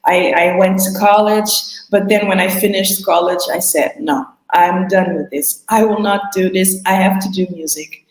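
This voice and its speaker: A woman from Portugal, a singer appearing as an interview guest, gives casual answers in English in an echoey room. Her mid-range voice keeps a fairly even intonation, though she speaks haltingly, keeps restarting phrases, and laughs between answers.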